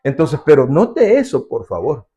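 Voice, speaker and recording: A male pastor delivers an earnest sermon in a middle-pitched voice. He speaks directly to the congregation and acts out the people in his anecdotes. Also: wildly swooping pitch, unhurried, mellow, husky. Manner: earnest preaching, acting out quoted voices in anecdotes.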